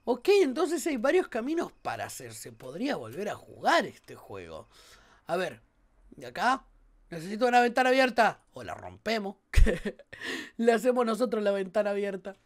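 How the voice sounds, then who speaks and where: A woman with an Argentine accent, a gaming YouTuber doing let's play commentary, excitable, often shrieking and laughing, with a sore throat. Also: medium pitch, moderate pace. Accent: Argentine Spanish.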